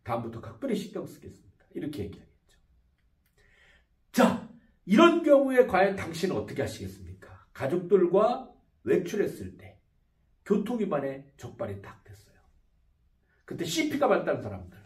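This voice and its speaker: A man, a psychology professor, giving a video lecture in an animated way and acting out short example dialogues. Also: high voice, normal speed, long pauses. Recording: echoey room, voice from far off mic.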